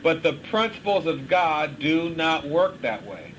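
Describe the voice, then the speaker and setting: A man gives a casual Bible lesson to a small group of couples, with a lively, bouncing delivery and a somewhat high voice. He chuckles as he talks and slips into playful voices to make his points. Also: measured pace, slight background noise, rough recording. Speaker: couples class teacher.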